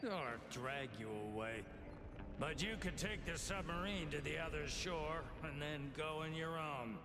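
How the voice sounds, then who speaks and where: An actor playing a terse, evasive and blunt hunter and weapons specialist in a video game. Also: male voice, a little high, a little slow, background noise, lightly acted. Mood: dry, matter-of-fact. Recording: echoey hall reverb, music behind.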